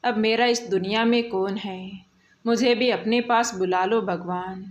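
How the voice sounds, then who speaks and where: A woman voicing a mistreated young daughter-in-law who pleads tearfully, in a slow storybook telling. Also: mid-range voice, steady tone, lo-fi sound, natural voice. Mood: despairing.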